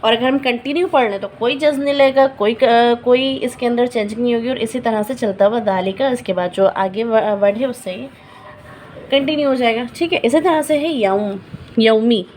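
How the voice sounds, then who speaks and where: A woman teaching Quran recitation rules in a patient lesson. She repeats each example word slowly and checks in her learners often. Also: fairly high pitch, a little mellow, a little hiss or hum.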